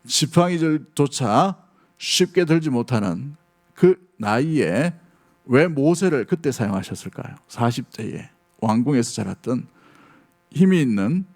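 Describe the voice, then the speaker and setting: Earnest middle-aged pastor preaching a sermon. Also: male voice, medium pitch, expressive, a little slow, darkish tone. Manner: earnest, conversational preaching with rhetorical questions.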